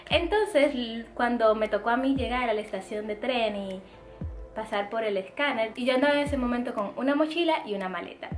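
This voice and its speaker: A young woman with a slightly raised voice tells a chatty, expressive story with plenty of fillers. Her is clear, the room sounds echoey, and soft music plays underneath. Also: on the high side. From Dominican Republic. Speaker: vlogger. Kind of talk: casual storytime.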